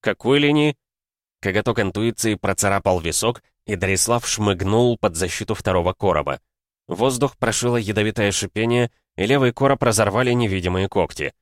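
A male audiobook narrator with a lowish voice. His reading is steady and measured. The recording is dry, with the mic close. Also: no echo. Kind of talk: audiobook narration of science fiction. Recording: dry close studio sound.

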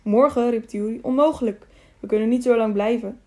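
A woman's voice: on the high side, a little fast, dark tone, natural voice. A woman reading the part of an earnest young male squire who speaks with urgency.

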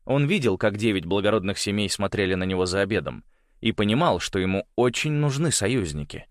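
Expressive male audiobook narrator. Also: fairly low pitch, fairly quick, dry recording, clean studio sound. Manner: expressive storytelling. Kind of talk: scripted narration.

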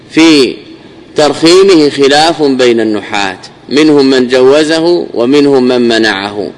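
Teaching classical Arabic grammar, a sheikh repeats his examples and phrases and answers questions he raises himself. The recording is of poor quality, and his voice lowers at the end of each phrase.

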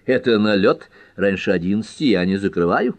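A man's voice: fairly low pitch, expressive, a little fast, dry recording, close to an everyday voice. A man voicing a short, jokey pharmacist in an audiobook, evasive under questioning. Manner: joking, evasive. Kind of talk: audiobook character reading.

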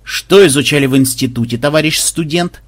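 A man voicing a gruff, grumbling older grandfather who is a soldier, in an audiobook. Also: fairly high pitch, brisk, close to an everyday voice. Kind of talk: audiobook voice acting.

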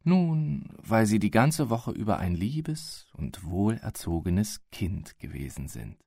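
A man voicing a portly middle-aged official who talks to a child in a hushed, wheedling voice and turns to furious shouting. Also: on the low side, very animated, slow pace, creaky, no echo, studio quality, exaggerated voice.

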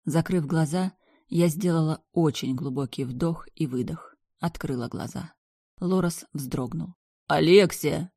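A woman's voice: low-pitched, unhurried, mellow, slightly rough, dry recording, clean studio sound. A woman reading a first-person story aloud, her narration tense and intense. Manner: tense, intense, rising into anger. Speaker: audiobook reader.

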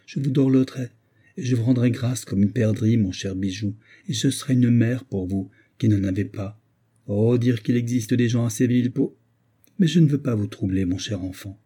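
A man voicing an older, fussy, motherly gentlewoman who talks in an effusive, doting way. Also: medium pitch, moderate pace, slightly rough, close to an everyday voice.

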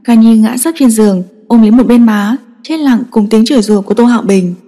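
A woman narrating a dramatic story in a steady, emotive reading. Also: a little high, a little fast. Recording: long echoing reverb.

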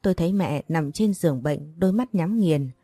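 A woman reading a first-person story aloud in a measured, emotive storytelling manner. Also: low voice, mellow, slightly rough, no echo, soft background music. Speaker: audiobook narrator.

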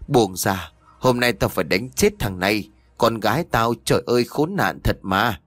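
A man's voice: on the low side, expressive, normal speed, no room sound. A man doing a remorseful old village father. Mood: furious. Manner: pleading then shouting, emotional.

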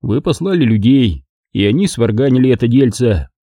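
A man's voice: mid-range voice, expressive, normal speed, warm tone, husky, no echo, studio quality. A man voicing a dogged male investigator who presses blunt accusations. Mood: accusing.

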